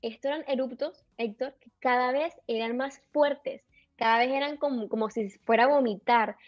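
A high-pitched woman tells a story in a lively, filler-heavy way on a podcast. The sound is dry and close, and the audio is a little dull and lo-fi. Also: moderate pace, dry recording. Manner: animated, filler-heavy retelling with many "o sea". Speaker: podcast guest. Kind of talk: casual storytelling interview.

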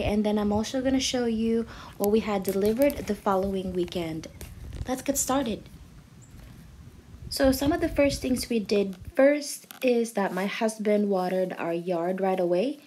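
A woman's voice: mid-range voice, mellow, slight background noise. A young adult woman vlogger giving a cheerful, chatty voice-over for a home video, with frequent ums and uhs.

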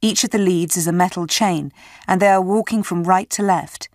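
A woman with a slightly low voice gives a methodical description of an image. She sounds matter-of-fact, and the recording is dry and free of room sound. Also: moderate pace, a little mellow, no room sound. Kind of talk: descriptive explanation of a picture.

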